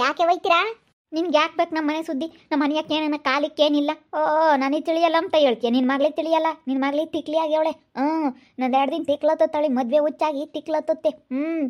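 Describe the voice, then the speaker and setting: A woman playing a quarrelsome village wife in a comedy-drama, scolding quickly and combatively. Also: sits high, muffled recording, lightly acted. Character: sharp-tongued village wife, quarrelsome and loud.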